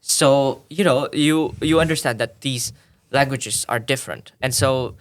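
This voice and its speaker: Speaking at a measured pace in a mid-range voice, a man from Tanzania explains things at length as a podcast guest. It's a conversational, explanatory interview, and he's thoughtful, with frequent restarts.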